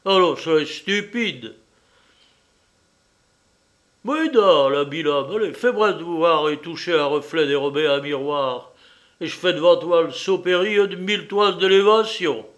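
A man's voice: normal speed, lightly acted. A man reading an audiobook, voicing a small decrepit old man who jeers with furious scorn. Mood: mocking. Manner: shrill, jeering, scornful outbursts. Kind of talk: audiobook character voice.

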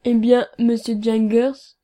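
A woman voicing a shifty male client with a chronic cold, answering slowly and hesitantly. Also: mid-range voice, flat delivery, mellow, close to an everyday voice. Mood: evasive. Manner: slow, hesitant, stuffy-voiced.

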